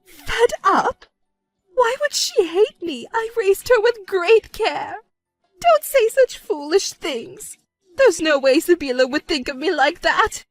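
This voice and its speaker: A woman playing a shrill self-pitying stepmother. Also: normal speed, hardly any pauses, faint music behind, lightly acted. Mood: wailing. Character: shrill selfish middle-aged stepmother, whiny and manipulative. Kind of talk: dramatized story narration.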